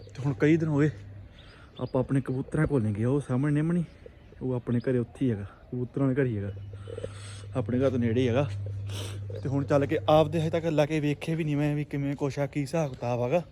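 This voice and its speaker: A man's voice: medium pitch, quick pace, dark tone. A man with a Punjabi accent vlogging in casual, earthy chat, exclaiming often and repeating himself. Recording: noisy, birds and ambient sound. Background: pigeons and ambient noise.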